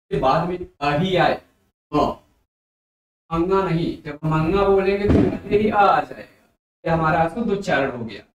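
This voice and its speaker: A man teaching a Hindi grammar lesson for exam preparation, explaining slowly and repeating letters and sounds aloud for his students. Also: high voice. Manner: addresses viewers as dear friends. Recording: very echoey room.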